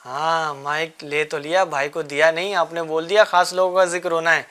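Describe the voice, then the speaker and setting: Bright-voiced man quizzing children. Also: fairly high pitch, level tone, smooth. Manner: coaxing, repeats questions, gently teasing. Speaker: host of a children's religious show. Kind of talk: quizzing children in a studio class.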